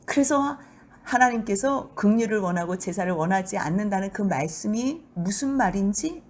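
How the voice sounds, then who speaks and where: A middle-aged woman pastor giving a sermon in a church, telling the story with lively acted-out voices. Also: medium pitch, moderate pace. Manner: animated storytelling, acting out voices of mockers.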